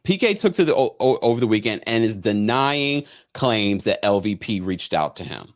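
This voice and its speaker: A man's voice: fairly low pitch, very animated, moderate pace. A man hosting a recap show, talking casually and gossipily to viewers, theatrical and emphatic, repeating phrases for effect. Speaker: host of reality TV recap show.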